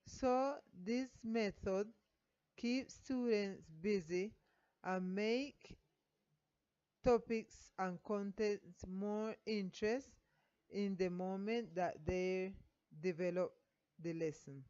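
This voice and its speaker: A Colombian woman whose first language is Spanish reads her teaching reflection aloud in English, slowly and haltingly, with a Colombian Spanish accent. The recording sounds dull and lo-fi. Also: medium pitch, dark tone, clean tone. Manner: slow, halting reading of prepared English text. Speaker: student teacher.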